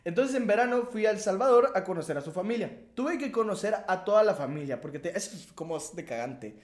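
A man's voice: sits high, expressive, quick pace. A man co-hosting a podcast, telling stories and joking in casual banter. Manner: laughing, storytelling banter. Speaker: podcast co-host. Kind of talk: casual chat.

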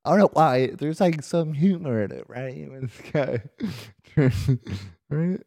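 A young man co-hosting a podcast, chatting casually in a halting, slangy way. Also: fairly high pitch, creaky, mellow, no room sound, clean studio sound. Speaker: podcast co-host. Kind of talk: casual chat.

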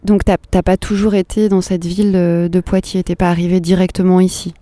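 A radio host narrating a sound portrait and gently asking interview questions. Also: mid-range voice, flat delivery, fairly quick, no room sound.

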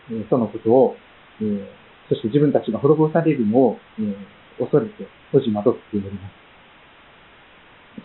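A man from Japan gives a sermon as pastor, in a measured, gentle voice that pauses often and fills gaps with soft fillers. His pitch sits at a middling level for a man. The sound is narrow and tinny, like a phone line. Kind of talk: sermon with Bible reading and prayer.

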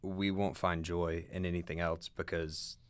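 A man with a low voice speaks as a podcast guest in a measured, thoughtful way. He quotes scripture and builds his points in short phrases. The feel is a relaxed conversation about faith. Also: clear, resonant tone. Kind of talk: casual faith discussion.

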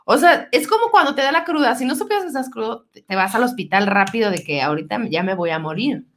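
A Mexican woman co-hosting a relaxed podcast chat, playful and teasing. Her voice sits high and bounces around a lot. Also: fast talker, slight background noise. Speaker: podcast co-host. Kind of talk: casual chat.

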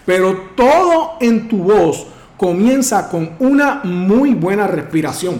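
A man coaching on public speaking, projecting his voice firmly with big deliberate swings in pitch. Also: expressive, a little mellow. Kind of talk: instructional talk to camera. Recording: roomy echo.

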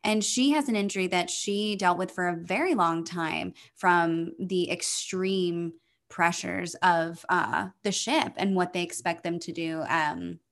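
A woman's voice: lowish voice, a little slow. A woman in her thirties co-hosting a podcast, chatting casually, laughing often and trailing off with fillers. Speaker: podcast co-host. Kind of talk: casual chat.

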